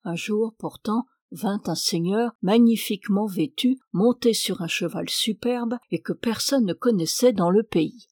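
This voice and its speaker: A woman reading an old folk tale aloud as narrator, with steady, dramatic storytelling. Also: medium pitch, measured pace, few pauses, no room sound, studio quality. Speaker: audiobook reader.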